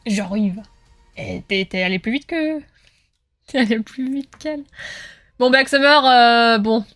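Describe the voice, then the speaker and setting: A woman with a high voice hosts a livestream from home, joking with viewers and cheering the racers on. Faint game music plays beneath her. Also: a little slow, fairly bright tone. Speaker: streamer. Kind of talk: live-stream chat with viewers while racing.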